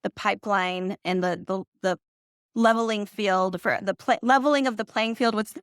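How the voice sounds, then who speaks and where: A company founder from Central America, a woman in her forties, chats casually as an interview guest, telling animated stories and acting out what other people said. Her mid-range voice is smooth and resonant at a moderate pace, recorded dry and close to the mic with no echo.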